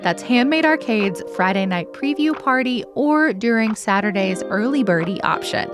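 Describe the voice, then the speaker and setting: A woman with a medium-pitched voice hosts a podcast. She talks in a casual, chatty way and reads scripted copy in the same role, with music clearly behind her. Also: expressive, moderate pace. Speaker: podcast host. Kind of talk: casual chat and scripted ad reading.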